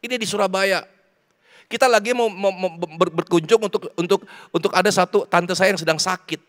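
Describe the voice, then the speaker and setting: Pastor guy preaching, pretty high voice, gets loud then goes real quiet, keeps repeating himself. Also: a little fast. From South Sumatra, Indonesia. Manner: emotional preaching, swings from loud to hushed; repeats words, addresses congregation directly. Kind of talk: sermon. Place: church.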